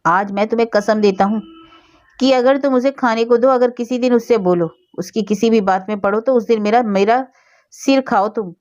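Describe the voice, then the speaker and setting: A woman's voice: on the high side, little pitch movement, brisk, dark tone, muffled recording, pitched above the performer's own voice, close to an everyday voice. A woman voicing a stern middle-aged husband who gives harsh orders. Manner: harsh, commanding.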